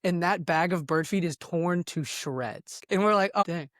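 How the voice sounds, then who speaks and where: Easygoing male comic guest telling stories, a touch high-pitched, dry close sound. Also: unhurried, a bit bright, dry recording. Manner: laid-back, easygoing storyteller. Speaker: comedian guest. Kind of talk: casual podcast chat.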